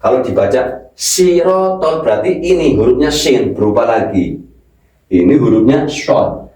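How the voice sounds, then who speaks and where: A man gives a slow, patient recitation lesson, drilling syllables one by one. His voice sits at a middle pitch. It is picked up from a distance in a very echoey room. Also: animated, dark tone. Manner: slow, repeats syllables and corrects pronunciation. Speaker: Quran recitation teacher.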